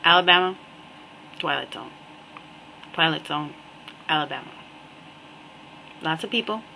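Wry slow-talking New woman. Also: low-pitched, vocal fry, a little hiss or hum, poor audio. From New Jersey. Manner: wry, repetitive, deadpan asides. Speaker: vlogger. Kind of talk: casual webcam monologue.

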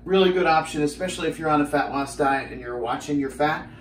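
A fast-talking man in his thirties with a fairly high voice jokes his way through an upbeat cooking demonstration as a fitness cooking host. The camera mic is a few steps away in his small, echoey home kitchen, so he's slightly off-mic with a little hiss or hum.

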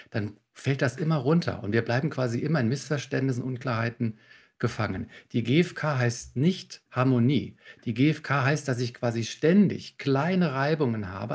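A man with a gravelly, slightly husky voice talks in a podcast interview as a communication trainer. He explains calmly and instructively, walking through techniques step by step. His pitch sits in the middle range. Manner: calm, instructive, walks through techniques with examples.

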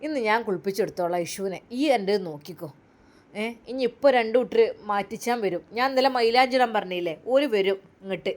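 A woman's voice: mid-range voice, brisk, voice pushed down, natural voice. A woman voicing a doting elderly mother-in-law in a Malappuram accent, fond and fussing. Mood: tender. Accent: Malappuram Malayalam.

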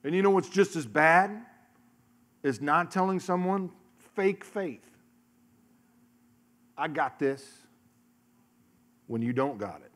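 A middle-aged man preaches on a large church stage with a handheld mic. His voice sits a touch high for a man. He tells stories, acts out voices, and swings from hushed lines to loud ones. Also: expressive, takes it slowly, long pauses. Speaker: pastor. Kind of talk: sermon.

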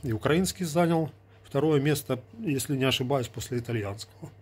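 Fairly quick and slightly rough, a mid-range male voice belongs to a vlogger from Ukraine in his forties. He addresses his phone camera at arm's length from a small indoor room through an earbud mic, casually but with a sarcastic, lecturing, argumentative edge.

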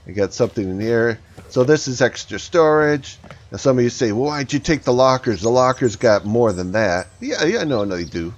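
A man hosting his own gaming channel, chatting excitedly to viewers as he plays. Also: medium pitch, moderate pace. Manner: excitable, talks to viewers while playing. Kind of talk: casual gameplay commentary. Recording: slightly dull, faint background noise.

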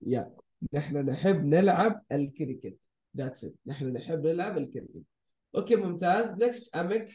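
A man teaching a live online language class, drilling short phrases slowly and patiently. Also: a little high, lively intonation, warm tone. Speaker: Arabic teacher. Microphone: video call.

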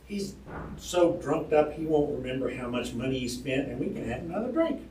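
A man reading aloud while voicing a drunk, quarrelsome cavalry private who taunts loudly in a frontier drawl. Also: mid-range voice, big pitch swings, moderate pace, a little hiss or hum, natural voice. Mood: belligerent taunting. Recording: roomy hall, distant mic, faint ambience.

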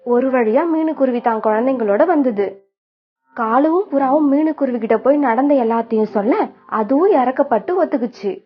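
A woman narrating a children's cartoon story in a steady, sorrowful way. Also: sits high, brisk. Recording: dull lo-fi with faint music.

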